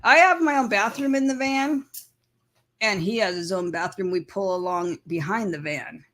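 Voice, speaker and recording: A woman's voice: medium pitch, moderate pace, a bit bright. A woman hosting a casual livestream, chatting and laughing often as she talks to her viewers. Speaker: livestream co-host. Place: van.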